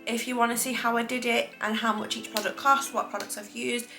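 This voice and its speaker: A woman's voice: on the high side, level tone, fairly quick, over music. A British woman chatting casually to camera as a beauty vlogger, rambling and correcting herself, her speech slightly impeded after dental work. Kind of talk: casual makeup review chat to camera.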